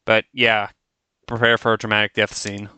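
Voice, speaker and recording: A man's voice: lowish voice, level tone, normal speed, heavy background noise. A man giving casual, offhand, rambling commentary as a video creator looking back on his own work.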